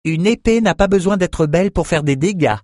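A man doing a high eager young redheaded sailor. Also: expressive, fairly quick, darkish tone, no echo, clean studio sound. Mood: proud. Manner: breathless, boastful.

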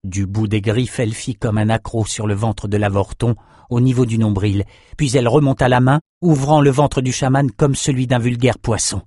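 A man reading a fantasy story aloud in a steady, vivid storytelling manner. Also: medium pitch, normal speed, no echo, clean studio sound. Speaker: audiobook narrator. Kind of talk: scripted narration.

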